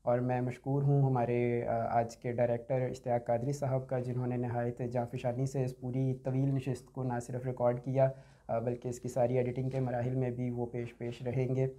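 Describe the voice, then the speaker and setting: A man's voice: medium pitch, completely flat delivery, normal speed, dark tone. A middle-aged man hosting a panel, giving formal, polite closing thanks in a small studio on a desk mic. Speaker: host. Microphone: desk boom mic.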